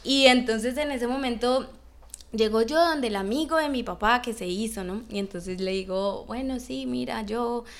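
A young woman with a fairly high voice tells a personal story straight to her viewers. She keeps it casual and animated, and she slips into the voices of the other people in her story as she goes. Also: moderate pace. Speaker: vlogger.

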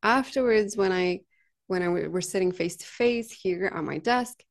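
Chatty earnest woman, mid-pitched. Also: normal speed. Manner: chatty, frequent "like" and "right?" tags; earnest, heartfelt. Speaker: massage therapist and healer. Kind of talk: casual conversational storytelling.

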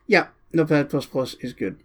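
A woman co-hosting a podcast in casual banter, teasing with quick retorts and swearing. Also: low voice. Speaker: podcast co-host.

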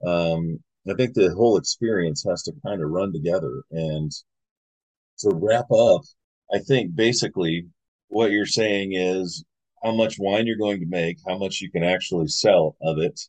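A man hosting a podcast, telling rambling, animated anecdotes in a casual chat with many fillers. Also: low-pitched, dry recording, rough recording. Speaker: podcast host. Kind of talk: casual conversational storytelling.

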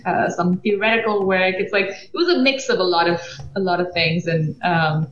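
A woman's voice: on the low side, steady tone, moderate pace. Woman, 30s, from Belgium, hesitant podcast guest; echoey, dull sound. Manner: hesitant, many fillers and restarts. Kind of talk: casual interview. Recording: echoey, muffled podcast audio.

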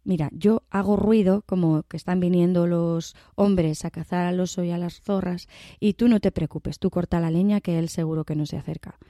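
A woman's voice: fairly low pitch, fairly even intonation, normal speed, dark tone, no room sound, studio quality, lightly acted. A woman voicing a sly vixen who schemes to help a peasant. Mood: scheming.

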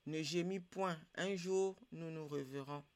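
Narrator as calm, quiet mother water. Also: mid-range voice, unhurried, close to an everyday voice. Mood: soothing. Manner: quiet, soothing, admonishing. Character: calm mother water spirit, soothing and stern.

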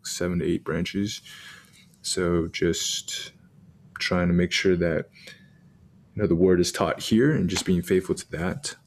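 A man's voice: low-pitched, darkish tone. A man in his thirties from Texas, a pastor co-hosting a podcast, talking in a laid-back, joking way. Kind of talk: casual chat.

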